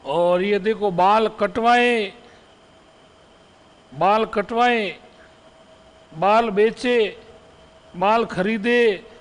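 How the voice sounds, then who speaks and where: Speaking very slowly with long pauses in a large hall, a high-voiced man teaches Hindi grammar for exam preparation. After repeating each example phrase, he checks on his students and asks them questions.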